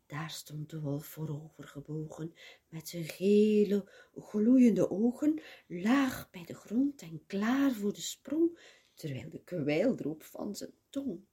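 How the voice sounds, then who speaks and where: Breathy, slow woman reading rhyming verse. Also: fairly low pitch, lively intonation, mellow. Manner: dramatic, slow, drops to whispers. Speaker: storyteller.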